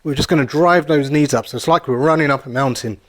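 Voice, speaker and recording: A man's voice: a little high, quick pace. A man in his forties giving a casual, encouraging home workout lesson, often repeating words as he demonstrates exercises in a small room at home. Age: 40s. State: slightly out of breath at times. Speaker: fitness coach.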